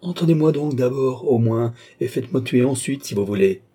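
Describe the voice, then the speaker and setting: A man's voice: on the low side, normal speed, dark tone, slightly rough. A man doing a remorseful pleading young suitor. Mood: desperate. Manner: pleading, earnest, intense. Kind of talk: audiobook character voice.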